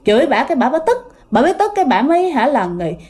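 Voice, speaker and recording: A woman's voice: high voice, rapid-fire. A woman telling a ghost story casually, talking directly to her listeners. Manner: animated, addresses listeners directly.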